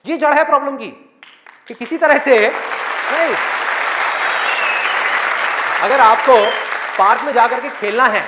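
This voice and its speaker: Speaking to students in a large hall, a motivational speaker with a very high-pitched, slightly bright voice asks rhetorical questions and acts out their inner voices. The recording has hall echo and a faint crowd.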